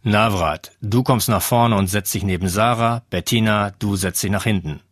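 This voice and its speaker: Brief: hoarse volatile teacher in his fifties, barking sarcasm, put on by a male reader, low husky tone. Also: moderate pace, no room sound, studio quality, lightly acted. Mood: commanding.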